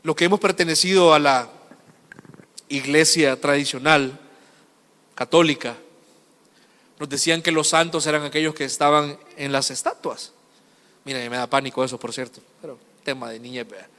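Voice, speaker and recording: Guy preaching, high bright voice, goes quiet then loud, lots of hall echo. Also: fairly even intonation, normal speed, pauses often. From El Salvador. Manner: impassioned, swings between hushed asides and loud emphatic lists. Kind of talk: sermon.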